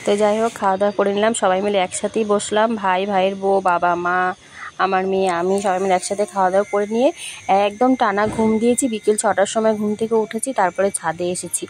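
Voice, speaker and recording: A young woman from West Bengal, talking quickly and brightly to her viewers as she narrates a family trip. Her throat is sore, and a faint hum of surroundings sits behind her voice. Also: medium pitch, steady tone. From West Bengal, India. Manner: friendly, addresses viewers directly. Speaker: vlogger. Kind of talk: chatty travel vlog narration.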